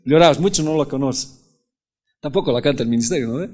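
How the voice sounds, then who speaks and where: A man's voice: mid-range voice, fast talker, darkish tone. A male pastor giving a Bible-study sermon in a conversational way, often asking his listeners rhetorical questions.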